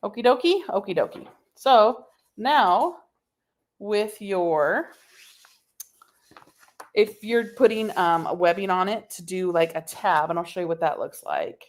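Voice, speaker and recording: This sewing instructor speaks in a lowish voice, slowly, with frequent pauses. Working in her home sewing room, she hosts a live tutorial, chatting casually and responding to viewer comments, all picked up by a laptop microphone.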